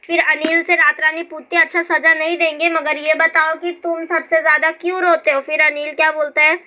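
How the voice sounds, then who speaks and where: A woman's voice: high voice, level tone, a little fast. A young woman teacher who reads lines from a story aloud and then explains them in simple words. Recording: dull lo-fi sound.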